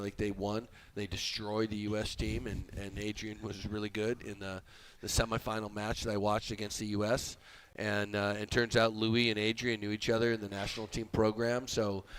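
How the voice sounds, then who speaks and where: Middle-aged coach, measured and reflective. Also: male voice, fairly low pitch. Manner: measured, reflective, many fillers. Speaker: volleyball head coach. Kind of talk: casual interview chat. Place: restaurant livestream.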